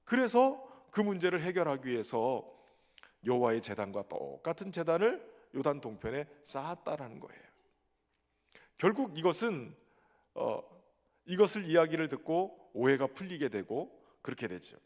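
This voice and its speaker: Preaching in a church sanctuary with big-room sound, a pastor from Chungcheong, South Korea, uses the region's Korean accent. His voice is a little high and his pace normal, and he delivers a lively, conversational sermon with touches of humor.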